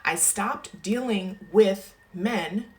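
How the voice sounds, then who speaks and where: A woman's voice: mid-range voice, drawn-out words. A woman wellness coach giving a motivational talk, emphatic and emotional, checking in with "okay?" after nearly every point. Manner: emphatic, keeps adding "okay?"; emotional, close to tears.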